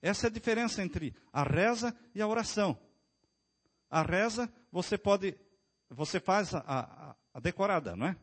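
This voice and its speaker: Husky, lively preaching pastor. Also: male voice, sits high. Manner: preaching with rhetorical questions to the congregation. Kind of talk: sermon.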